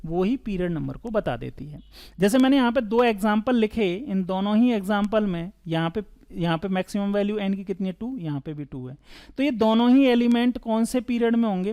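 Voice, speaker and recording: Male teacher, clear smooth voice, board lesson, asks and answers his own questions, chatty. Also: sits high, a little mellow. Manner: casual, chatty classroom tone. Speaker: chemistry teacher.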